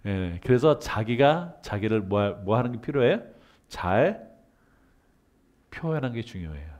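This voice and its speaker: At a measured pace and in a mid-range voice, the humanities lecturer works through self-posed questions and his own answers. Everyday conversations get acted out in lively voices along the way.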